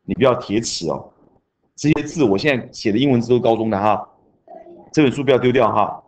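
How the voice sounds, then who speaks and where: A man's voice: medium pitch, brisk, darkish tone. A man, teaching an English class and drilling grammar rules with chanted mnemonics. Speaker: junior high English teacher. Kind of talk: classroom lecture.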